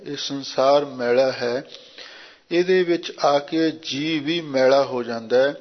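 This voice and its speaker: A man explaining Sikh scripture verse by verse in a measured, repeating manner. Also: fairly high pitch. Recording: muffled lo-fi recording.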